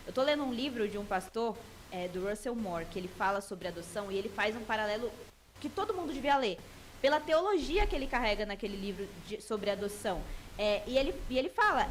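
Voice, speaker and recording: A woman's voice: a little high, slight background noise, rough recording. A young adult woman with a Brazilian Portuguese accent, a podcast guest talking earnestly about faith and family in a casual interview.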